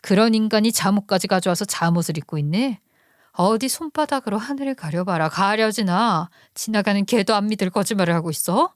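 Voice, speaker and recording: A woman's voice: mid-range voice, a little fast, dry recording, studio quality, natural voice. A woman voicing a furious, betrayed wife who curses and scolds sharply. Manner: sharp, cursing, indignant.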